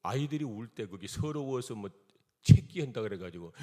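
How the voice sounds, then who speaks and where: Lively low-voiced man preaching a testimony. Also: normal speed. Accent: Gwangyang dialect. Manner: storytelling, acts out quoted dialogue. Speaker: missionary preacher. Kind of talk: testimony sermon. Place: church hall. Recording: reverberant church hall.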